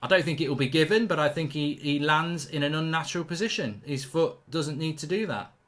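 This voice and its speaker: A man with a fairly bright, somewhat high voice hosts a live football watchalong, talking fairly quickly. He reacts to the action and reads out viewer chat, bluntly and chattily, with some mild swearing.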